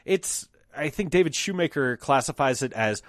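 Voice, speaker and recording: Talking off the cuff on his own podcast, this host from Colorado, United States, swears liberally and performs mock quotes in a lively, profane monologue. He speaks at a normal speed in a mid-range voice, captured cleanly in studio quality without echo.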